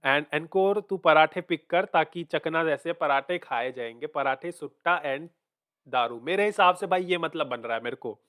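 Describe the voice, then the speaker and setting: A man hosting a casual music reaction, thinking out loud, switching between Hindi and English and repeating lines back to himself. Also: fairly high pitch, a little slow.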